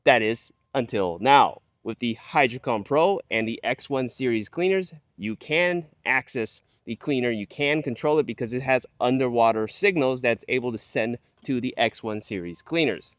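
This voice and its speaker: A man's voice: mid-range voice, normal speed, hardly any pauses, fairly bright tone, no room sound, clean studio sound. A man giving an explanatory product review to viewers, repeating key points for emphasis. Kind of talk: product review talk to camera.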